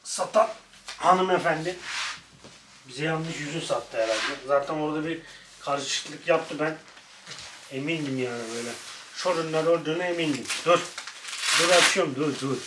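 A man's voice: fairly high pitch, normal speed, long pauses. Playful man in an echoey room. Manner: playful, jumps between chatty asides and sharp scolding of the dog. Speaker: pet vlogger. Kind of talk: casual home vlog with his dog. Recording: echoey room, mic at a distance, faint noise.

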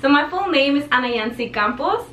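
This bubbly teenager, originally from El Paso and raised in Juarez, Mexico, with Spanish as her first language, vlogs casually from her bedroom against a tapestry and gestures constantly. Her high voice is expressive, brisk and fairly bright. Slight background noise, an echoey room and a mic set a bit far back shape the sound.

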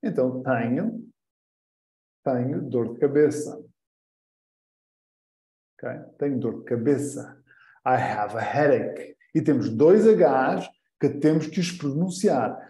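A man teaching English phrases in an online lesson, repeating each phrase slowly for practice. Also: mid-range voice, expressive, mellow, roomy sound.

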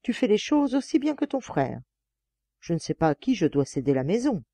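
A woman's voice: deep voice, very animated, fast talker, dark tone, no room sound. A woman reading as a fair-minded old father. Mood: enthusiastic. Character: old father, fair and undecided, proud of his sons.

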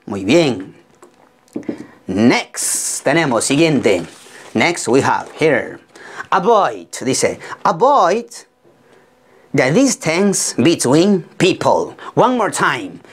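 A woman from Peru with a Peruvian Spanish accent, teaching an English lesson, repeating each phrase slowly and translating it, with frequent encouragement. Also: sits low, very animated, breathy edge. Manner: encouraging, praises students often. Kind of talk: bilingual classroom lesson.

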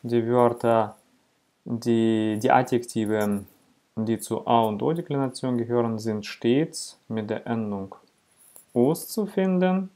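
Slow, patient man explaining grammar. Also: medium pitch, dark tone. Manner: slow, patient, with frequent "ja?" checks and fillers. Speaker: Latin teacher. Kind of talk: explanatory lesson.

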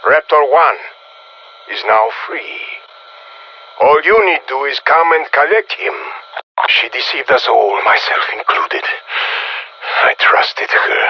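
A man voicing a stern, menacing Soviet colonel in a video game, with a Russian accent, a gruff voice and a commanding, threatening manner over a radio filter. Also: on the high side, highs cut off, exaggerated voice. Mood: bitter regret. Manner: authoritative, threatening, clipped orders.

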